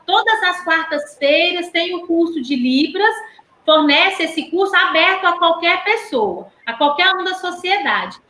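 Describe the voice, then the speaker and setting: Brazilian woman teacher with a Minas Gerais accent, very high and bright voice, lively storyteller who acts out quoted voices, echoey room. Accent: Brazilian Portuguese, Minas Gerais. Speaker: teacher and sign language interpreter. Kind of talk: casual live talk with anecdotes.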